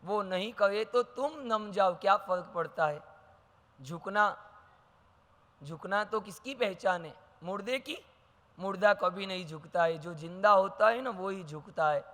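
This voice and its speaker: Monk preaching in a big hall, high bright voice, slow and dramatic, lots of echo. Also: male voice. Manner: theatrical, acts out dialogue, rhetorical questions. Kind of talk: sermon with anecdotes. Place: large hall with audience.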